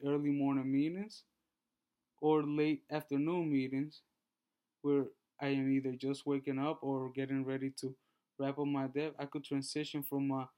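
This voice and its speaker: Man, twenties, from Honduras, class slide presentation, smooth clear voice, measured reading. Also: mid-range voice, dark tone. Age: 20s. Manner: reads slides in a measured way with small restarts. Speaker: student presenter.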